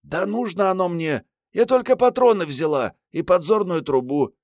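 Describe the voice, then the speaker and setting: A man's voice: high voice, lively intonation, normal speed, a little mellow, dry recording, studio quality, pitched above the performer's own voice. A male audiobook reader voicing a bold, teasing young woman fighter. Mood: brash teasing.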